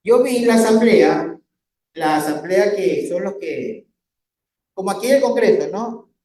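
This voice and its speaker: A male Bible teacher works through a lesson at a slow, deliberate pace. He keeps checking in with his listeners as he explains. The room gives his voice a noticeable echo. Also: high-pitched, animated, warm tone, a little hiss or hum. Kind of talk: Bible study lesson with slides.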